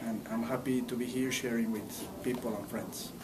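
A man from Bolivia giving a testimonial to camera, pausing often to search for words. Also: mid-range voice, flat delivery, recorded from a distance, noisy background. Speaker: course participant.

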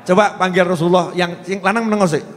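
A man preaches with a Javanese accent, his voice sitting noticeably high. He jokes and teases the congregation, coaxing them to join in. His words carry a long echo through a large hall. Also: steady tone, quick pace. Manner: joking, teasing, coaxing the audience. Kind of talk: humorous sermon to a live congregation.

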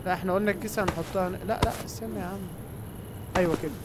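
A young man with an Egyptian Arabic accent giving excited running commentary on a game and talking to his viewers. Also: sits high, rapid-fire, noisy background. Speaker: gaming YouTuber. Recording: game music playing behind.

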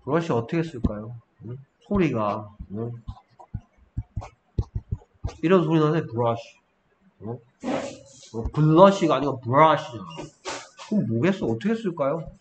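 A man's voice: medium pitch, expressive, moderate pace, highs cut off, slight background noise. A man tutoring a student one-on-one, coaxing and scolding, prodding again and again for an answer. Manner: scolding, repeatedly prompting with "어?". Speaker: English tutor. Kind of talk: one-on-one spelling lesson.

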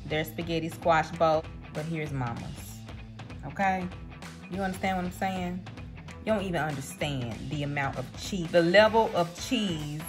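A woman's voice: low voice, normal speed. A young mother vlogging casually in her home kitchen, chatty and playful, poking fun at herself while she talks to the phone camera. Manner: chatty, playful, self-mocking. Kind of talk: casual cooking vlog chat. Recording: pop music playing under the voice. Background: background pop music.

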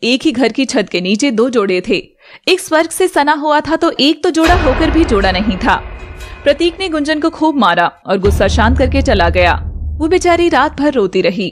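A woman narrating a scripted animated drama in an even storytelling voice. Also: high-pitched, moderate pace, soft background music.

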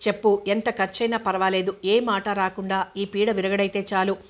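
A domineering older matriarch who orders people about and turns savage, as a woman narrator puts her on. The voice stays flat and even, close to the reader's own. It is a storybook grandmother told rather than acted. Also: medium pitch, moderate pace, lo-fi sound, close to an everyday voice. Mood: eager. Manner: commanding, harsh. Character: fierce, possessive older mother-in-law.

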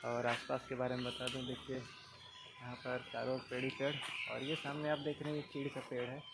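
A young man with a medium-pitched voice and vocal fry narrates a casual travel vlog on a handheld phone as he walks rural lanes and a busy street market. He gives chatty tour-guide commentary, addressing viewers like friends, and the outdoor recording picks up street noise.

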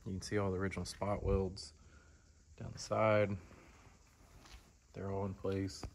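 A man talks a viewer through a vehicle in a large indoor showroom. His delivery is relaxed and chatty, full of fillers, as if he were walking around with the camera. Faint clicks sit under his voice. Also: sits low, unhurried, slight background noise. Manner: relaxed, conversational, lots of fillers. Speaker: car dealer. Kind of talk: casual walkaround sales tour.

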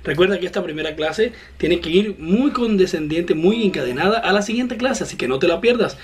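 A man giving an online guitar lesson, patient and encouraging, explaining each step slowly and talking straight to the student. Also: high-pitched, animated, slight background noise. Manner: slow, step-by-step instruction. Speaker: guitar teacher. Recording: loud guitar playing behind the voice.

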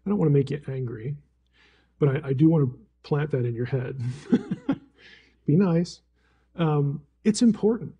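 Husky-voiced man telling stories to a gathering. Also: on the high side, normal speed, dull audio. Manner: animated storytelling with frequent restarts and chuckles. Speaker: Bible teacher speaking to a fellowship. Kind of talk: live talk to a gathering.

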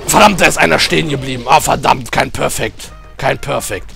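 A young man commentating a video game, fast, jokey and rambling. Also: mid-range voice, vocal fry, bright, forceful tone, soft background music. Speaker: let's play commentator. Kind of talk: casual gaming commentary.

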